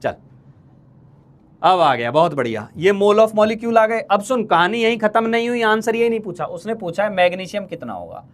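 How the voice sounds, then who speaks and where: A man with a high voice teaching chemistry to exam students. He keeps firing the same question twice and teases the class fondly. His talk is quick and chatty, the way a coaching teacher talks. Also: sing-song. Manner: teasing, calls students playful names. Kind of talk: live online exam-prep lecture.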